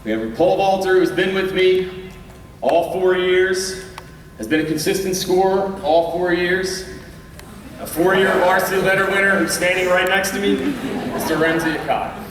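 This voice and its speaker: An American man, a coach, giving a prepared awards speech in an earnest, measured way to an audience. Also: high voice. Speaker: high school track coach. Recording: echoey hall, far from the mic, faint noise.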